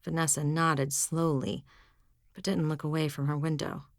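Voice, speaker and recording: A woman narrating fiction in a measured, even manner. Her voice sits low with a gravelly fry. The recording is close and dry. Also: dry recording. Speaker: audiobook narrator. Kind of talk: scripted narration.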